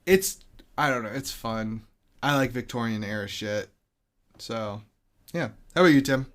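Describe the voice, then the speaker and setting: A man's voice: medium pitch, normal speed, a bit bright. A man co-hosting a movie podcast, rambling casually and swearing now and then. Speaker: podcast co-host.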